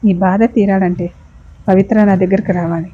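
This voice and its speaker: Brooding irritable young husband, read by a woman storyteller; husky, muffled voice. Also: mid-range voice, steady tone, normal speed, natural voice.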